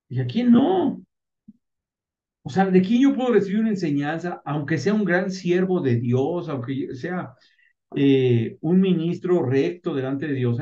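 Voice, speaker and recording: A male pastor with a fairly high yet mellow voice preaches a sermon, firing off rhetorical questions and answering them himself. He repeats words to drive a point home. The sound is distant and dull, as if picked up from across the room on a lo-fi mic.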